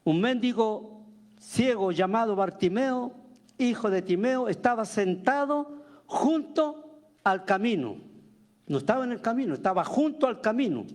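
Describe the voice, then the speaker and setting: A man's voice: sits high, a little mellow. A man preaching a sermon as pastor, firing rhetorical questions at the congregation. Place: church.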